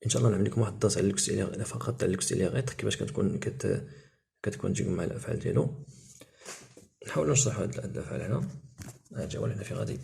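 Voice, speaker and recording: A man with a Moroccan Arabic accent teaches a French lesson at a rapid clip, his low voice heavily gravelly and dark. He mixes Arabic with French terms and slows down to read the example sentences. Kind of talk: explaining a textbook lesson.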